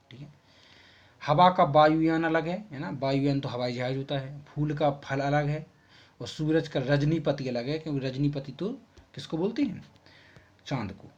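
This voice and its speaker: A man's voice: mid-range voice, darkish tone. A man teaching schoolchildren, patiently working through textbook answers and checking in with them often. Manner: patient, repeats phrases and checks with "ठीक है". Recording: muffled, slightly husky lo-fi recording.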